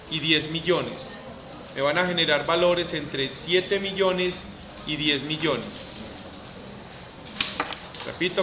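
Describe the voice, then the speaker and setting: A man teaching a software lesson, repeating each step aloud as he works. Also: a little high, noisy background. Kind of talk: screen-recorded software lesson.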